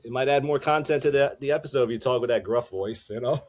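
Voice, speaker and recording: A man co-hosting a casual podcast chat. He rambles in a halting way, with many restarts and stammers. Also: medium pitch. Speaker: podcast co-host.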